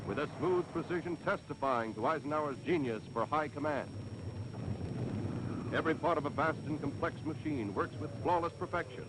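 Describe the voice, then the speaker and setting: An American man with a fairly high voice narrates a scripted 1940s wartime newsreel at a brisk pace, sounding dramatic, declamatory and patriotic. The noisy audio is a vintage 1940s newsreel soundtrack with music.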